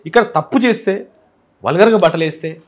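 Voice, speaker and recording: A man's voice: sits high, a little fast. A man with a Telangana Telugu accent, a film director, explaining his film in an interview with examples from village speech. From Telangana, India.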